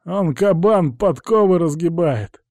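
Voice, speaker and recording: A man's voice: a little high, animated, unhurried, darkish tone, no room sound, clean studio sound, pitched above the performer's own voice. A man doing a groaning, dazed young hooligan. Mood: sullen. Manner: groaning, sullen.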